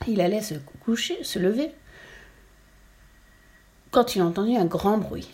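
A woman's voice: medium pitch, a little slow. Woman reading a children's tale. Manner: lively, expressive reading. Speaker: storyteller. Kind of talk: reading a children's story aloud.

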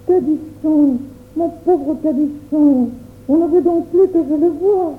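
A timid little girl with a high, soft voice, pleading sweetly with the grown-ups around her, as a woman reads her out. The sound is thin and tinny, as if it came down a phone line. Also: takes it slowly. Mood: sad. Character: young girl, tender and easily tearful. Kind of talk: storybook reading.

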